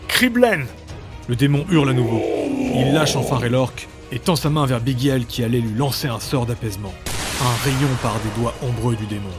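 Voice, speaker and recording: A man narrates a fantasy adventure in a measured, dramatic storyteller's manner. His voice sits at a middle pitch, and clear music plays behind his narration. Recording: background music.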